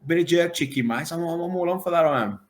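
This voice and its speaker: Fast-talking enthusiastic man. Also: a little high. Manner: enthusiastic, rambling, full of superlatives. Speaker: arcade owner, guest. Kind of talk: casual interview chat.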